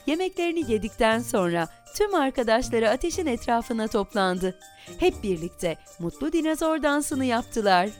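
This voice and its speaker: Animated woman reading a children's story. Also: a little high, moderate pace, soft background music.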